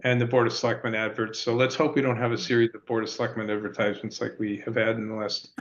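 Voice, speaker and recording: A man's voice: lowish voice, level tone, fast, dull audio, background noise. A man chairing a town budget meeting over a conference call line that breaks up, talking with a hesitant manner and many fillers. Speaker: board chair. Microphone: speakerphone on a call.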